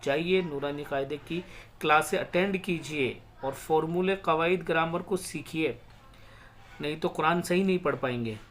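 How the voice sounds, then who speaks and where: A man teaching Quran reading. He explains the rules briskly, then chants each verse slowly, syllable by syllable. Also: on the high side, a bit bright, a little hiss or hum.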